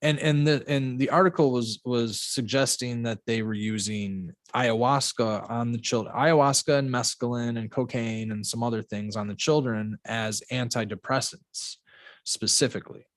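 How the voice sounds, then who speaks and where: A man's voice: mid-range voice, moderate pace, dry recording, clean studio sound. A man with a Midwestern accent hosting a podcast, talking casually and rambling with restarts and fillers. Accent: Midwestern American. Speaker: podcast host.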